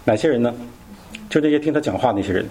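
Fast-talking man teaching scripture. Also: mid-range voice, lively intonation, mellow. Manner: conversational, keeps asking listeners questions. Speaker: Bible study teacher.

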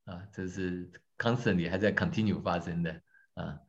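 Church class teacher, man, lowish voice, lively and self-mocking, dull lo-fi recording. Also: normal speed, gravelly. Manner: lively, questions the audience, tells jokes on himself. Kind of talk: interactive teaching talk.

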